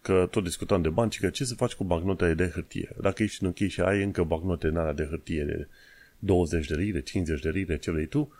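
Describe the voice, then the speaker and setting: A man with a very low voice talks casually to his viewers, addressing them directly as if giving a friend advice. He breaks off to slow down and repeat single words, showing how they are pronounced. The recording is dry and close, with no room sound. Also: a little mellow, dry recording. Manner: slows down to repeat and demonstrate English pronunciations; chatty, addresses the listener directly. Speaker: vlogger giving tips on life in Britain. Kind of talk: casual explanatory talk.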